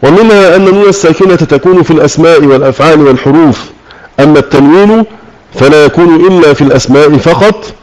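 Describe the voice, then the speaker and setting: A man teaching a Tajweed lesson, slowly repeating key words and asking and answering his own questions. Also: fairly high pitch, darkish tone, low-quality recording. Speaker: Quran recitation teacher. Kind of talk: religious lesson on Tajweed rules. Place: online voice chat room.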